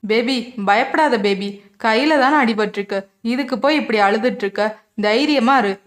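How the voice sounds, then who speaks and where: Woman doing a calm young husband, soothing, principled, storybook romance. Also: on the high side, moderate pace, close to an everyday voice.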